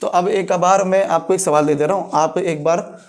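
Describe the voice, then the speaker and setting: Hindi-accent guy teaching math class, high voice, keeps asking the kids questions. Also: steady tone, normal speed. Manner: quizzing students with repeated questions. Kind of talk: classroom lecture.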